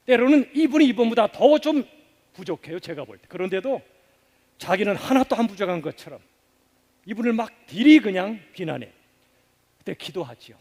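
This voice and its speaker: A man preaching a sermon as pastor, asking the congregation questions and leading them in repeating phrases, with loud stresses that drop to hushed endings. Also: sits high, sing-song, moderate pace, long pauses. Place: church sanctuary. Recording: long reverb of a church sanctuary.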